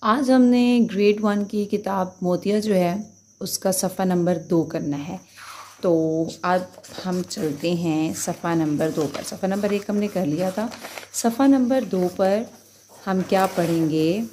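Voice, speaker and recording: A woman's voice: mid-range voice, unhurried, a little mellow, a little hiss or hum. A woman teaching a beginners' Urdu lesson, patiently sounding out letters one at a time and checking understanding as she goes.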